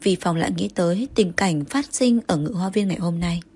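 Breathy woman narrating. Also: fairly low pitch, brisk, darkish tone. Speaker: audiobook narrator. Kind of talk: scripted narration.

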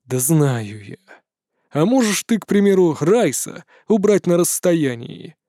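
A man's voice: on the high side, very animated, unhurried, dark tone, dry recording. A man voicing a sardonic lizard-man mage who talks in a dry, mocking way. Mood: wry.

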